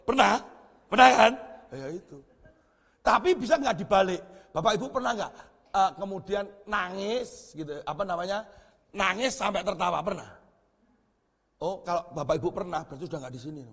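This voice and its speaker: A male pastor with a strikingly high voice delivers a sermon, swinging his pitch up and down. He tells stories with lively energy and laughs at his own jokes. His voice rings through a church hall with a long reverb. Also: brisk, slightly rough.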